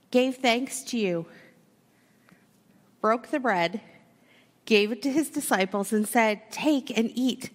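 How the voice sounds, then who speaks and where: A woman pastor recites the communion prayers in steady, formal phrases at a middle pitch. Her voice rings out through the long reverb of a large church sanctuary. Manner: formal, measured liturgical recitation. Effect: long echo of a large church hall. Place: church sanctuary during a service.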